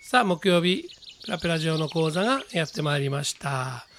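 A man teaching English pronunciation in a chatty lesson, saying example sentences slowly. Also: fairly high pitch, big pitch swings, fairly bright tone, a little hiss or hum. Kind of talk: casual spoken lesson.

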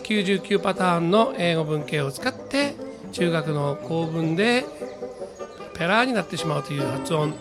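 A man teaching English pronunciation in a chatty lesson, saying example sentences slowly. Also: high voice. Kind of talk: casual spoken lesson.

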